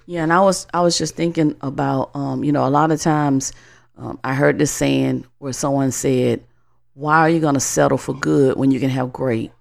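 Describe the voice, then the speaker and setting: A woman's voice: extremely low pitch, steady tone, normal speed, vocal fry, a little mellow. A woman co-hosting a podcast, talking in a conversational, reflective and explanatory way about faith and motivation. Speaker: podcast co-host.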